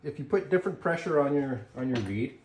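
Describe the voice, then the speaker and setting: A man's voice: on the high side, slight background noise. Canadian man teaching jaw harp. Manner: relaxed, halting with fillers and restarts. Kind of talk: casual tutorial.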